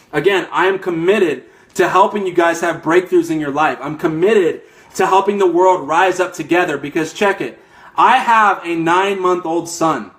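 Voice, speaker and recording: A young network marketing coach delivers an energetic motivational talk on a live stream, slightly breathless and forceful, tacking "okay?" onto many lines. He has a fairly high, fairly bright voice.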